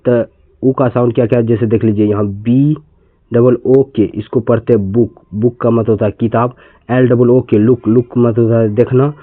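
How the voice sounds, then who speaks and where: A man's voice: mid-range voice, fairly even intonation, moderate pace, dry recording. A man from India teaching an English reading lesson, spelling words letter by letter and repeating them patiently. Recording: tinny, phone-like lo-fi sound.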